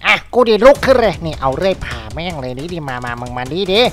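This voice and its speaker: Man doing a cranky neighbor venting at a game, swooping voice, music loud behind. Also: a little high, very animated, quick pace. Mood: annoyed. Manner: irritable, rants and yelps at the game. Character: fed-up sleepy male neighbor, adult, grumpy. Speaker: game player. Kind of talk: comedic let's-play commentary.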